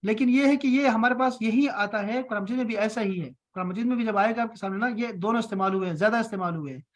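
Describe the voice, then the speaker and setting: A man's voice: high voice, quick pace. Man, patient teacher, encouraging, repeats points, online class. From Pakistan. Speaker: Arabic teacher.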